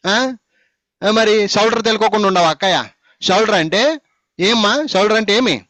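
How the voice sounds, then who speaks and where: A man with a Telugu accent runs a phonics class, firing questions at his students and scolding them with teasing jabs. His voice sits on the high side for a man. It is recorded close and dry, with no room sound. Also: moderate pace, fairly bright tone, dry recording. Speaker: spoken English teacher.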